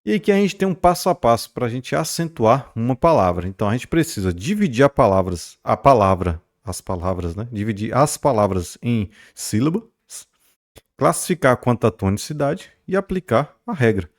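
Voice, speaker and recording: A very animated man speaking at normal speed and medium pitch teaches a recorded grammar class. He explains as he goes, drawing out stressed syllables to model words and often checking in with "beleza?" or "né?".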